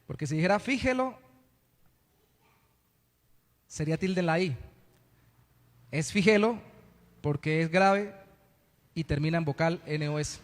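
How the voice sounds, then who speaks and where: Man pastor, high voice, church reverb; earnest sermon with playful asides. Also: steady tone, moderate pace, pauses often. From Colombia. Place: church hall.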